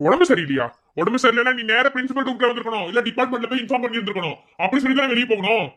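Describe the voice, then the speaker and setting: A man's voice: very high-pitched, racing, bright, forceful tone. A man voicing a strict male college principal who scolds staff and students. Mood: stern. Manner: lecturing, scolding.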